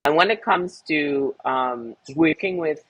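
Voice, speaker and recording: A man interviewing a guest, asking questions and explaining points in a measured way. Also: fairly high pitch, a bit bright, no room sound, low-quality recording. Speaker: interviewer, content strategist.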